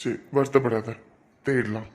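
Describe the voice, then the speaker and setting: A man's voice: mid-range voice, steady tone, a little slow, a little mellow, close to an everyday voice. A man playing a loyal friend and coworker who reassures his grieving buddy in a brotherly way. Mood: reassuring.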